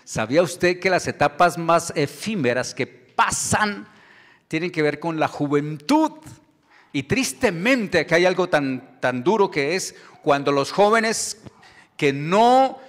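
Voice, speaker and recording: A man's voice: on the high side, lively intonation, takes it slowly. A middle-aged man preaching a sermon as pastor, with emphatic delivery and rhetorical questions to the congregation. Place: church sanctuary. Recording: long church hall reverb.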